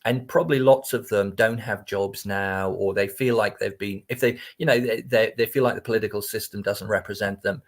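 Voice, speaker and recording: A man's voice: fairly low pitch, fairly even intonation, brisk, hardly any pauses. An English man as a podcast guest, talking reflectively and hesitantly, often restarting his sentences. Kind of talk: casual interview chat.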